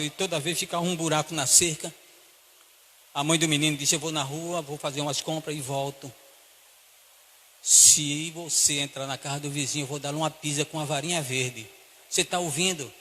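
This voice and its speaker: Man, Brazilian Portuguese accent, pastor, sermon, storytelling, hushed to loud, reverberant church hall. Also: fairly high pitch. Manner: acts out voices in a story, swings from hushed to loud preaching.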